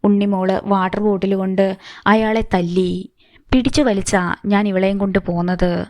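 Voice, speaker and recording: A woman voicing a teenage younger sister, explaining in a hurried, worried way. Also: mid-range voice, steady tone, a little mellow, dry recording, close to an everyday voice.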